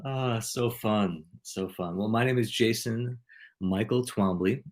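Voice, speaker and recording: Man, low voice, podcast interview, flowery playful wording. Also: measured pace. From New York.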